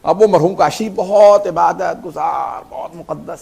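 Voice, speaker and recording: A man's voice: high-pitched, gravelly, a little mellow, husky. A male preacher telling a story in a sermon, acting out the dialogue and building to emphatic peaks. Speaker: Islamic preacher.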